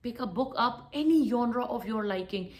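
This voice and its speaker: A woman's voice: fairly high pitch, expressive, normal speed, darkish tone. A woman giving a spoken English lesson, firm and instructive, repeating her key points. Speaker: English teacher.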